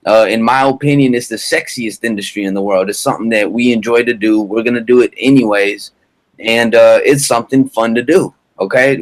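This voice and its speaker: A man from Colombia in his thirties pitches a business over a video call. He talks loosely and casually, full of "all right" and "uh" fillers, at an average pitch. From Bogota, Colombia. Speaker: business presenter. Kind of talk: casual sales presentation on an online call.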